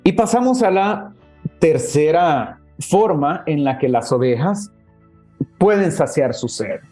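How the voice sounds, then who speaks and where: A man's voice: fairly high pitch, lively intonation, slow pace. Man, church teacher, chatty, faint music underneath. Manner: warm conversational, addresses listeners as brothers. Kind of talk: casual teaching talk. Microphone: webcam.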